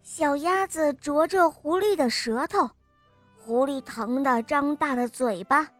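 Expressive woman reading a children's story. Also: sits high, a little slow, dry recording, faint music behind. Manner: gentle, expressive, addressing children. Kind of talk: storybook narration.

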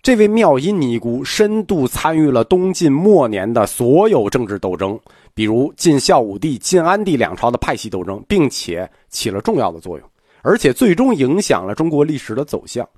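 Man lecturing seated, lively pitch. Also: no echo, studio quality. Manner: swings between loud-fast and soft-slow delivery; speaking seated, softer and slower today. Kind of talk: history lecture.

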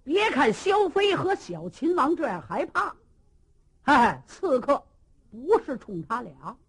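Woman telling an old tale, lively swoopy delivery, unhurried, bit husky. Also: high voice. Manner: lively, dramatic, with sound effects. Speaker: storyteller. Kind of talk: traditional Chinese storytelling.

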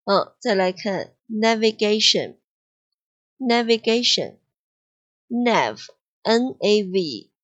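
A woman teaching an English exam lesson, explaining slowly and patiently and repeating key words. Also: mid-range voice, fairly bright tone, lo-fi sound. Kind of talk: exam-prep grammar and vocabulary lesson.

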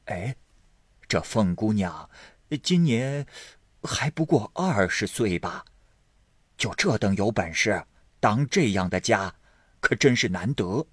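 A man's voice: on the low side, animated, slow, long pauses, breathy edge, no room sound, studio quality, exaggerated voice. A man voicing a humble old country granny. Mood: admiring. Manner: earthy, homely and deferential. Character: humble elderly country grandmother. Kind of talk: storytelling.

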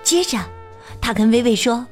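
A woman teacher reading a children's picture book aloud, expressive and sing-song with plenty of exclamations. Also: a little high, normal speed, soft background music. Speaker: storyteller teacher.

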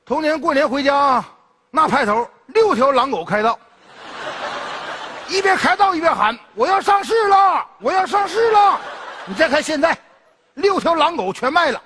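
A brash country cousin jabs and mocks in a very high, bright voice with a Northeast Chinese accent. His pitch leaps all over as he teases, with faint noise behind the stage recording. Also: animated, big-room sound, exaggerated voice. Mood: bantering. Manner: brash, mocking, quick-witted teasing. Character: stingy loud-mouthed rural male cousin visiting the city. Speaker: comedy sketch performer. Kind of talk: comedy sketch dialogue.

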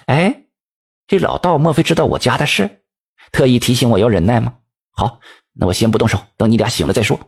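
A man voicing a middle-aged shopkeeper, quick to anger but holding himself back. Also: medium pitch, creaky, breathy edge. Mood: grudging. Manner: blustering, exclaiming. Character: middle-aged male shopkeeper, hot-tempered but restrained.

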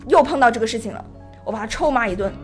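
A woman in her twenties in casual chat, telling a family story in an animated way and acting out what was said. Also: a little high, racing. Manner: animated storyteller who acts out quoted lines. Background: music playing underneath.

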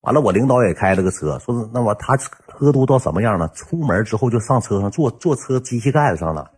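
A man with a Northeastern Mandarin accent telling a comic story in a casual, animated way. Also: quick pace, breathy edge. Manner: animated, switches into high voices when quoting others.

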